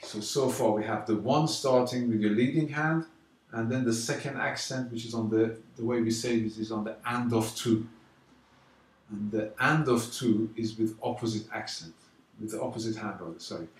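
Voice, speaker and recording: A man teaching a drum rhythm, explaining calmly and counting the beats out loud, slow and emphatic. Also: mid-range voice. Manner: counts beats aloud loudly and slowly between calm explanations. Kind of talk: casual drum lesson. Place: London. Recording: roomy echo, mic at a distance, drumming.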